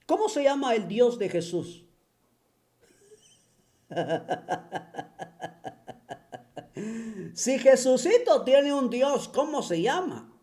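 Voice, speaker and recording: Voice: sits high, big pitch swings, measured pace, warm tone. A speaker giving a mocking monologue, firing taunting rhetorical questions over and over with scornful chuckles. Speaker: online religion critic.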